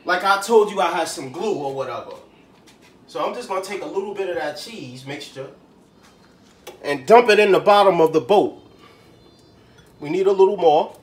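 A man's voice: high voice, expressive, normal speed, pauses often. Slangy, chatty cooking-show man. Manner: slangy, chatty, talks to viewers as he cooks. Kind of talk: casual cooking demo.

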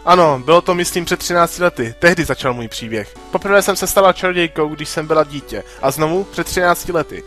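A man reading the lines of a calm, motherly sorceress in a plain voice. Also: fairly high pitch, few pauses, soft background music, lightly acted. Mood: confiding. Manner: plain reading of a translated game script.

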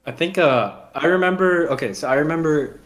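A young man, a podcast co-host, talking casually in a relaxed way and laughing often. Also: on the high side, brisk. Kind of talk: casual chat.

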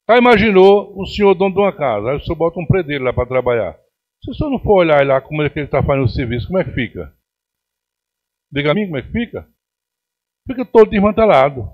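A middle-aged man speaking Pernambuco-accented Brazilian Portuguese addresses the council plenary from the podium mic, his slightly high voice driving home complaints with indignant force. He's expressive, talks at a quick pace and pauses often. The sound is dull and lo-fi, as if from the chamber's broadcast feed.

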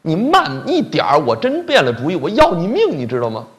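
A man voicing an impulsive, excitable ancient duke who is quick to anger and exclaims his lines. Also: fairly high pitch. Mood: angry.

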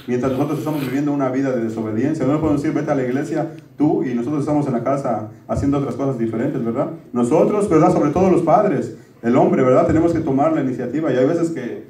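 The sermon comes from a middle-aged pastor whose voice runs on the high side and sounds mellow. He speaks conversationally to his congregation, frequently calling them brothers, in a roomy, distant church recording.

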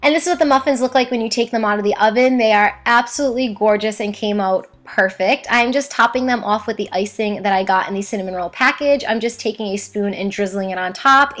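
A woman hosting a casual cooking vlog, chatting upbeat through step-by-step recipe instructions. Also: medium pitch. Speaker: recipe-testing vlogger. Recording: roomy echo with faint background music.

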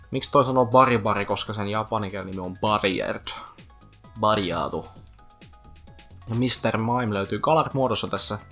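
A man's voice: fairly low pitch, gravelly, a bit bright. A man with a Finnish accent commenting on his video game play in a chatty way, stopping to explain game trivia and where names come from. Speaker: gaming commentator. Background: faint game music.

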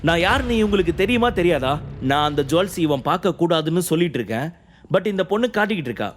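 A man voicing an arrogant rich young man who talks down to others and blusters loudly. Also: fairly high pitch, animated, normal speed, slight background noise, pitched above the performer's own voice, lightly acted. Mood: blustering. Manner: blustering, shouting, condescending.

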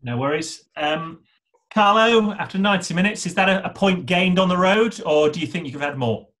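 A man, a journalist, asking brisk, direct questions at a press conference over a video call. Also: sits high, expressive, fairly bright tone.

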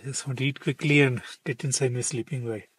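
A travel vlogger in his thirties narrates casually from inside a parked car in the snowy cold, cooking while talking to a close camera. His medium-pitched voice has a breathy edge, fairly even intonation, and a quick pace, with no echo.

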